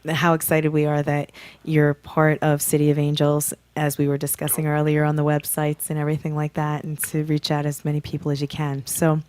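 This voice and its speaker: A woman hosting a live radio health show, effusive and quick to laugh. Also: deep voice, monotone, a little mellow, smooth. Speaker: host.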